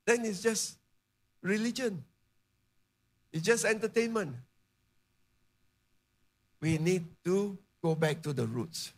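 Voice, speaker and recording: During a church service, a man with a high voice delivers a charismatic sermon to his congregation, rising to emphatic shouts and then slipping into chatty asides.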